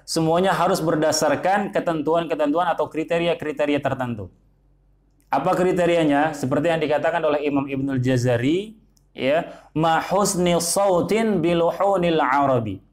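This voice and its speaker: A man teaching Quran recitation in a religious lesson, measured, often repeating words and adding short affirmations. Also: mid-range voice, darkish tone.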